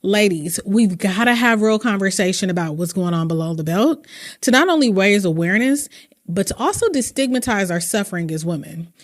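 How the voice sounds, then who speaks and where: A woman's voice: medium pitch, animated, fairly quick. A woman hosting a podcast, emotional and heartfelt as she thanks her guest and closes the episode. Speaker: podcast host. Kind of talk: podcast interview and outro.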